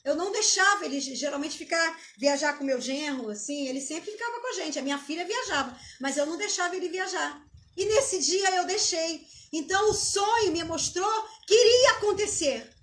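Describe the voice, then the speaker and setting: A middle-aged Brazilian woman pastor giving an emotional live-streamed testimony, halting, with many restarts and tag questions. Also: extremely high pitch, lively intonation, fairly bright tone. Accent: Brazilian Portuguese.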